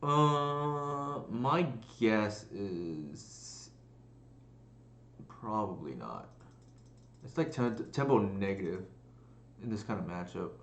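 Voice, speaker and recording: A man's voice: fairly low pitch, very animated, takes it slowly, pauses often, roomy sound, a little hiss or hum. A man streaming a card game, thinking aloud in a casual, hesitant way with many fillers. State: burping and coughing at times. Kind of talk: casual live-stream commentary.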